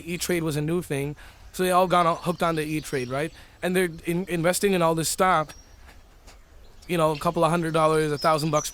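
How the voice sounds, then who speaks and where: High-voiced, animated male Islamic teacher. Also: a little hiss or hum. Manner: animated, acts out the voices of traders and arguers. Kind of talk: tafsir lecture.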